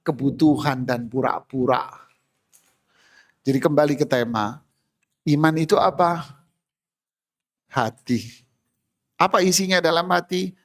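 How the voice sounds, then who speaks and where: A man's voice: on the high side, unhurried, long pauses. A male Islamic preacher, giving a humorous sermon in a mosque and acting out everyday scenes.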